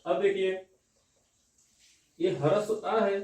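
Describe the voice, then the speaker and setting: A man gives a classroom lecture on Hindi grammar, asking questions and checking his students follow with a repeated "theek hai na?". His voice sits high with a darkish tone, and he takes it slowly. The room is echoey and the mic distant.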